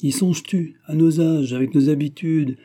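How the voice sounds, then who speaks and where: A man reading the part of a timid, gentle brother in his fifties who frets and pleads. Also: a little high, fairly even intonation, moderate pace, pitched above the performer's own voice, lightly acted. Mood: fretful. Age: 50s. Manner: fretful, pleading.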